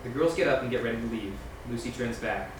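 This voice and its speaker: A fast-talking man with a mid-range voice reads screenplay scene directions aloud as scripted narration during a table read. The recording is noisy, with a distant mic in a very echoey room.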